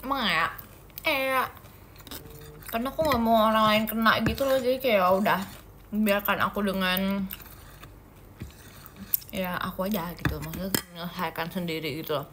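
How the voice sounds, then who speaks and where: A woman's voice: medium pitch, steady tone, normal speed, pauses often, a bit bright, a little hiss or hum. A young woman from Indonesia hosting a casual phone livestream, chatting playfully with viewers and teasing them. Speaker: idol livestream host. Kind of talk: casual livestream chat answering viewer comments.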